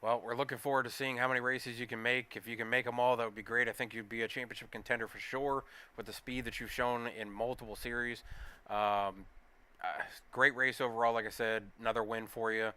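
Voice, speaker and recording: A man hosting post-race interviews for an online racing league, relaxed, with easy chuckles. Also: mid-range voice, brisk. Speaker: race broadcast host.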